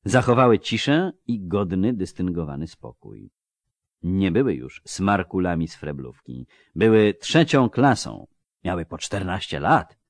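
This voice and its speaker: Male audiobook narrator, deep voice, measured steady storytelling, dry close sound. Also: no echo. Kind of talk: scripted narration.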